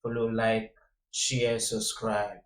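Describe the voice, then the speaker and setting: A man's voice: fairly low pitch, monotone, slow, reverberant, low-quality recording. A man giving a casual, earnest warning to his viewers. He keeps repeating his pleas to be careful. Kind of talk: casual direct-to-camera commentary.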